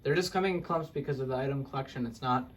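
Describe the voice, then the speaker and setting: Talking at a quick pace in a mid-range voice, a young Minecraft creator gives a casual tour of a game build. He rambles, corrects himself, and makes self-deprecating asides.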